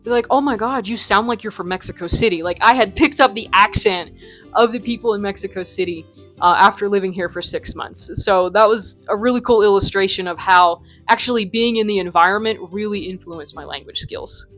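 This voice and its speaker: A young American woman, a Spanish teacher who runs her own academy, chats through interview questions full of ums and likes. Her mid-range voice is a little fast and a bit bright, with faint music behind her.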